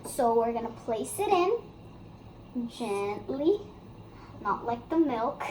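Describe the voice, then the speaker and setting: Co-hosting a casual cooking video in a home kitchen, a child talks slowly in a sing-song, mid-range voice with a darkish tone. Echo from the roomy kitchen and background noise are audible.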